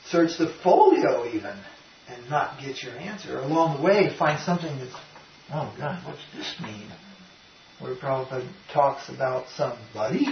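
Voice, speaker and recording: An older man, a spiritual teacher, giving an informal devotional talk in a rambling, emphatic way with frequent restarts. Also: a little high. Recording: roomy, distant, dull lo-fi sound with faint noise.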